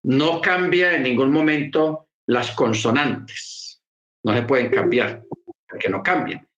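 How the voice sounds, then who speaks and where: Male preacher, middle pitch, teaching tone with repeated phrases, reverberant room. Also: slow pace, fairly bright tone, lo-fi sound. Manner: explanatory, repeats phrases for emphasis. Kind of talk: sermon teaching.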